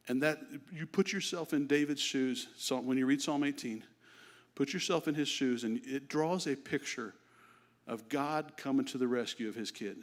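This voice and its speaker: A middle-aged man preaching a sermon in a relaxed, conversational way, telling lively stories to the congregation. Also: medium pitch. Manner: conversational, animated storytelling. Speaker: guest preacher.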